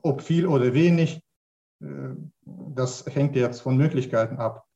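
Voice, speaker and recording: A man's voice: mid-range voice, measured pace, gravelly, warm tone, lo-fi sound. A middle-aged native Russian speaker, a man with a Russian accent, speaking spontaneously on a discussion panel and searching for words with repeated starts. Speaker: academic panelist.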